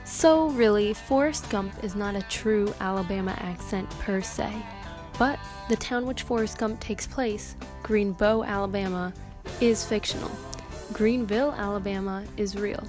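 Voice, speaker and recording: A young woman, a student, reading a clear, explanatory narration for a class presentation. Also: medium pitch, unhurried, over music. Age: young adult.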